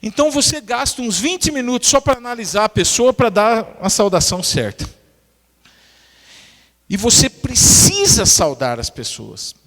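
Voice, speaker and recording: A man's voice: extremely high pitch, normal speed, in a large hall. A male pastor preaching a sermon, telling humorous personal stories to his congregation. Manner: lively storyteller, addresses the congregation as brothers. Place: church sanctuary.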